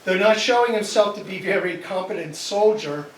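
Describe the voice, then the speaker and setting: Chatty band leader in an echoey hall. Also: male voice, high voice, recorded from a distance, slight background noise. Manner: chatty, self-deprecating, halting with many fillers. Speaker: band leader introducing tunes. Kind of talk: live concert stage talk. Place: concert hall.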